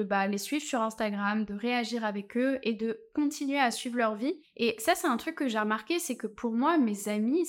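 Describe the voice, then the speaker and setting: Young woman vlogger, relaxed advice talk, restarts a lot, slightly high voice. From France. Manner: chatty, many fillers and restarts. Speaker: travel vlogger.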